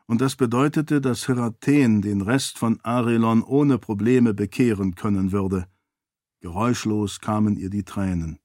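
A man narrating a fantasy novel in calm, even audiobook style. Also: medium pitch, no echo, studio quality. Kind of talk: scripted narration.

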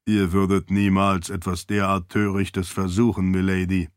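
A dutiful, formal light-spirit servant, as a man voices him in a storybook reading. He speaks low and measured, with stiff, deferential politeness. The sound is dry and close. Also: little pitch movement, dry recording, lightly acted. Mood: firm. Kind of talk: audiobook character voice.

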